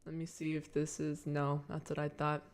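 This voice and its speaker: Young woman on a live stream at her desk, bit low voice, rambly, half talking to herself. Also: monotone, moderate pace, clear, resonant tone. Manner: chatty and meandering, talks to herself while clicking around; eating breakfast while talking. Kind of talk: casual live-stream chat.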